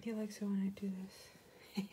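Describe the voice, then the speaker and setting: Mellow-voiced young woman rambling casually. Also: mid-range voice, level tone, brisk, a little hiss or hum. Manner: rambling storytelling full of "like" fillers; coos baby talk to her pet rabbit. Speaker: vlogger. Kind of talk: casual chat.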